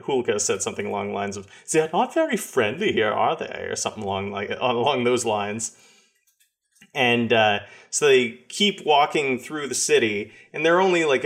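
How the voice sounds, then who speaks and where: Man, game master, casual recap, relaxed, lots of ums and likes. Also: medium pitch. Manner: relaxed, many fillers.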